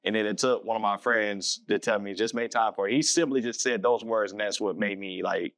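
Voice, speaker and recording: A man's voice: lowish voice, steady tone, fairly quick, fairly bright tone, no room sound. A man from the US South, a filmmaker guest chatting on a podcast, rambling and self-correcting with easy laughs. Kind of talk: casual podcast interview.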